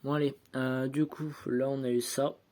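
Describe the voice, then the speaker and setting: A vlogger at home opens sticker packs while chatting to his viewers, rambling, sorting each card aloud and making self-mocking asides. His mid-range voice is dark in tone, with a flat delivery at normal speed. He films on a handheld phone, no tripod.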